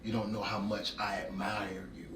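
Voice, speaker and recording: A man's voice: lowish voice, little pitch movement, moderate pace, noisy background. A man giving an emotional, heartfelt spoken tribute that keeps building into impassioned repetition. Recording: echoey room, distant mic, faint music.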